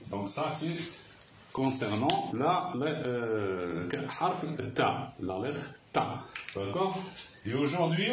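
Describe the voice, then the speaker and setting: Slow, patient man teaching in a roomy space. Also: mid-range voice. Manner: patient, repeats words, many hesitations. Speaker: Arabic teacher. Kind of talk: slow handwriting lesson. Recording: roomy, far from the mic, faint hiss.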